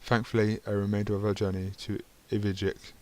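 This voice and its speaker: A man's voice: on the low side, level tone, brisk, darkish tone. A man reading a narrative game's text aloud, stumbling over words and adding dry asides of his own. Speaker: gaming channel host.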